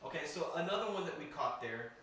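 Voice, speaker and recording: A man's voice: fairly high pitch, expressive, fast, a bit bright, slight background noise. Chatty man speaking from far in an echoey room. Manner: chatty, laughs often, repeats words. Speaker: filmmaker and ghost hunter giving a talk. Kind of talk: casual presentation to a live audience.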